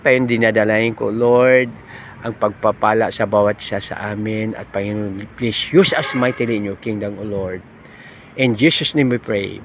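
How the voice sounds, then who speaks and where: A man's voice: lowish voice, steady tone, moderate pace, a little hiss or hum. A man preaching a devotional sermon outdoors among trees, in a conversational way that often asks his friends "no?" and mixes in English phrases. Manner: conversational, often asking "no?" and calling listeners "friends".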